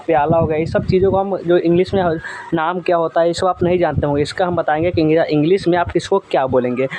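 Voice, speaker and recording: A man's voice: fairly high pitch, noisy background. A man teaching household vocabulary, naming each item and repeating the word back as a question. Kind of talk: vocabulary lesson.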